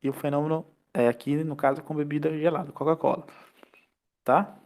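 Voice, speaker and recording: A Brazilian man teaching a chemistry class online, explaining step by step with rhetorical questions and quick checks for understanding. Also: a little high, fairly even intonation, a little mellow. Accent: Brazilian Portuguese. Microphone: computer mic on a video call.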